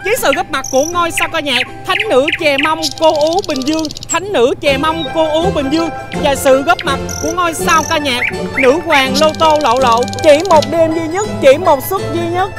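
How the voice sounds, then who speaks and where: A woman playing a brash, quick-tempered lô tô troupe barker with a Southern Vietnamese accent, trading insults in a comic sketch. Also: high voice, lightly acted. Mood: announcing. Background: music.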